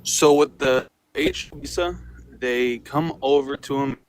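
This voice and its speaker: A man's voice: mid-range voice, moderate pace. A man in his twenties calling in from a truck stop on his phone, his connection breaking up and dropping out. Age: 20s. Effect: phone connection cutting out. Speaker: caller. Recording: choppy phone call with faint noise.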